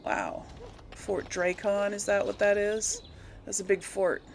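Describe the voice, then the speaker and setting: A let's play host rambles and thinks aloud through casual gameplay commentary, with background noise present. Her medium-pitched voice is creaky and fairly even in intonation, and she speaks slowly.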